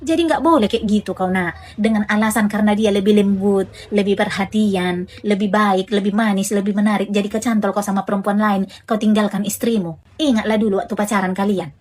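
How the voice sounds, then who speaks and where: A woman's voice: medium pitch, fairly even intonation, a little fast, darkish tone, close to an everyday voice. A woman with a Medan Indonesian accent playing a blunt mother who scolds and lectures her grown son in a comedic family skit. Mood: lecturing. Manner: scolding, preachy, repeats herself for emphasis.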